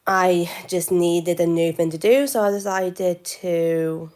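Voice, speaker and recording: A woman in her twenties chatting casually on a live Q&A stream, halting and correcting herself now and then. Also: on the low side. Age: 20s. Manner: halting, self-correcting, with soft asides. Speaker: livestreamer.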